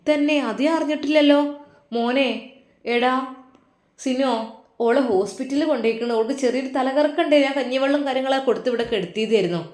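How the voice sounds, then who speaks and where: A woman's voice: high-pitched, quick pace, a little mellow, natural voice. A woman voicing an evasive middle-aged mother who coaxes and scolds her son, with a Malappuram Malayalam accent, in a roomy echo. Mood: coaxing, scolding. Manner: coaxing, scolding.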